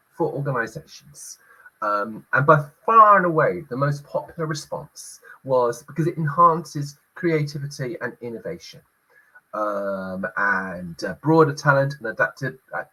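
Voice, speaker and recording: A middle-aged host of a business talk show speaks in a croaky voice while getting over an illness, hesitating often and leaning on fillers. His medium-pitched voice still sounds bright and forceful, though the audio quality is poor.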